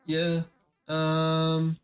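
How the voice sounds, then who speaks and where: A man's voice: fairly high pitch, monotone, drawn-out words, soft background music. A man chatting casually on a podcast, rambling and reading out a long list. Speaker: podcast co-host. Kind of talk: casual chat.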